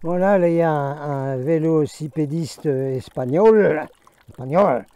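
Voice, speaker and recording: A man's voice: a little high, unhurried, dark tone, dry recording. A middle-aged man vlogging outdoors at a mountain pass, ranting sarcastically and slipping into mock English. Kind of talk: rambling outdoor political vlog.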